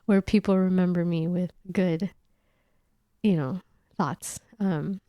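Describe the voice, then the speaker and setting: A woman's voice: on the low side, steady tone, slow, dark tone, no echo. A woman hosting a podcast in casual chat, losing her voice, chatty and laughing often as she talks. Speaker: podcast host.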